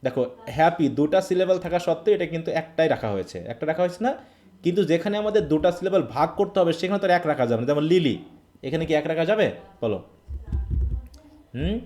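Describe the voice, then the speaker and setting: A man's voice: fairly high pitch, animated, fast talker, a little mellow. A man from Bangladesh teaching a live online English class, often checking that students follow. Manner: asks questions and checks understanding.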